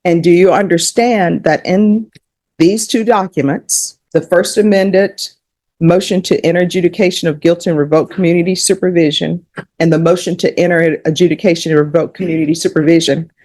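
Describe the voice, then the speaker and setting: A woman judge speaks in a fairly low voice. She asks her questions at a steady, measured pace and keeps to procedural wording. The sound is recorded in a courtroom.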